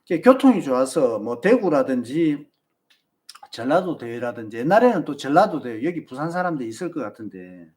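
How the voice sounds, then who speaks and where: A man's voice: mid-range voice, big pitch swings, brisk, darkish tone. A man with a Busan Gyeongsang accent, hosting a marathon channel and chatting casually with viewers and giving them advice. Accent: Busan Gyeongsang Korean. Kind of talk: casual live-stream chat.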